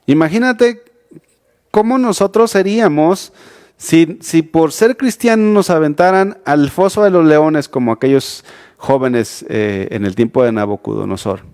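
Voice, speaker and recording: A man's voice: on the high side, a little slow, darkish tone, clear, resonant tone. A man with a Mexican accent preaching a youth sermon, talking casually with many restarts and rhetorical questions. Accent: Mexican Spanish. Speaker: youth pastor. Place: church, streamed online.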